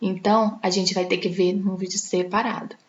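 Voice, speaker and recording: A woman with a Brazilian Portuguese accent teaching an English grammar lesson, slowing right down to say each English example sentence. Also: mid-range voice, flat delivery. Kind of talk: video lesson explaining grammar. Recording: echoey room, slightly dull sound.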